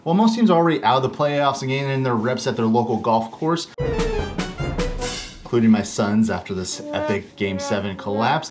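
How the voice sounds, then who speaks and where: A man's voice: mid-range voice, a little mellow. A man hosting a joking golf news rundown in a sarcastic, wisecracking manner.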